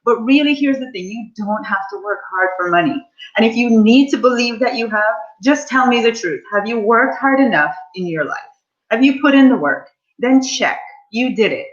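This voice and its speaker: In this clip a woman in her forties, working as a money mindset coach, runs a live online coaching session and addresses her audience in an upbeat, encouraging manner. Her voice sits in the mid-range, and the high frequencies are cut off.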